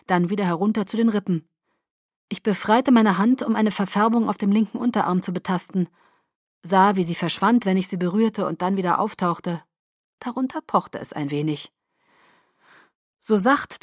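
A woman reading a first-person novel aloud as an audiobook narrator, soft and intimate. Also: medium pitch, no echo. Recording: dry close studio sound.

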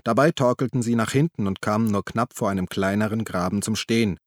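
A man reading a crime novel aloud as narrator, in a calm, even storytelling manner. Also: fairly low pitch, fairly quick, no room sound, studio quality. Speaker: audiobook narrator. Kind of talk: scripted narration.

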